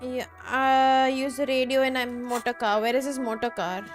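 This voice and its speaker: Brief: wry woman game streamer, fairly high voice, game music faint behind. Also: little pitch movement, moderate pace. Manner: chatty, wry. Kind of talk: casual commentary.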